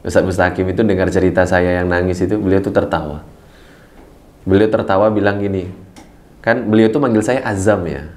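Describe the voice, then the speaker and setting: A man speaking as a guest preacher, telling his story in an animated way, swinging between low murmurs and excited high bursts and laughing as he goes. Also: fairly quick. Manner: laughs while telling stories. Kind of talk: storytelling interview talk.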